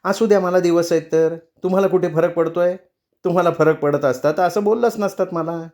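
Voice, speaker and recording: A man voicing a sharp-tongued, quarrelsome young daughter-in-law in a novel reading. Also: on the high side, animated, brisk, pitched above the performer's own voice, natural voice. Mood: sulky. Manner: sulky, argumentative.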